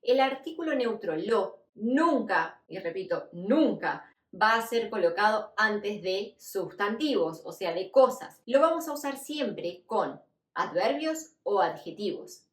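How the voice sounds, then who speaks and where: A young woman with a Latin American Spanish accent teaches an online language lesson. She explains clearly and patiently, repeating each example. Her voice sits at a middle pitch and rings in an echoey room. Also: animated, unhurried.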